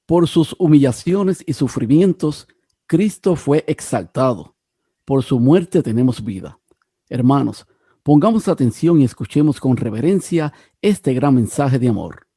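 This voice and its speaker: Male commentator, Puerto Rican accent, very dark and husky, reverent tone, dry close sound. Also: mid-range voice, animated, unhurried, no room sound. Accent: Puerto Rican Spanish. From Puerto Rico. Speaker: liturgy commentator. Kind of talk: liturgical introduction.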